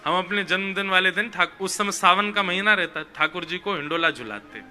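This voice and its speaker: A man telling a devotional story in a lively, animated way, putting on the voices of the figures in it. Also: high voice, fairly quick, soft background music. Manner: animated, voices the figures in his tale, chuckles.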